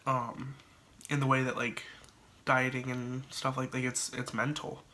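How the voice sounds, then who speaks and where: A man's voice: medium pitch, completely flat delivery, unhurried, sharp tone. A man vlogging casually to camera with a congested, stuffed-up voice, thinking aloud with lots of likes and ums. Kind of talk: casual solo talk to camera.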